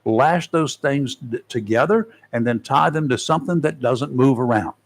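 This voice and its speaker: A man with a mid-range voice speaks at normal speed while hosting a local radio talk show in the studio. He reads out safety tips casually, tossing in folksy jokes along the way.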